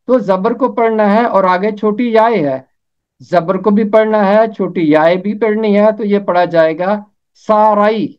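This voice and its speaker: In a dull lo-fi recording, a high-voiced man gives a pronunciation lesson. He slowly and carefully spells out the vowel marks, repeating each name.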